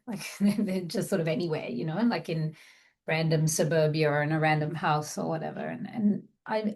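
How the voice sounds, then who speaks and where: A woman's voice: fairly low pitch, darkish tone. A woman from Malaysia, a guest writer, talking reflectively about her craft with many fillers and restarts. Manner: reflective, meandering, with frequent fillers. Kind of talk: conversational craft discussion.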